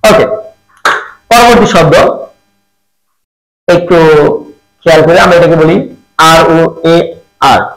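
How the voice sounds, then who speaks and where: A man's voice: a little high, slow pace, pauses often, fairly bright tone, reverberant, poor audio. A man teaching English pronunciation, drilling each word by repeating it several times and asking rhetorical questions.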